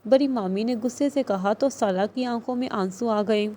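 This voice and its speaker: Woman narrating a novel, fairly high voice. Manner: steady, storytelling. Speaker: audiobook narrator.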